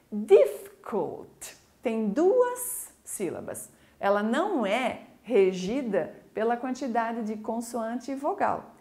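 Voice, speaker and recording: A woman English teacher with a Brazilian Portuguese accent, giving a recorded school video lesson in a lively, coaxing way. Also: a little high. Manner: lively, coaxing, slow deliberate explanations.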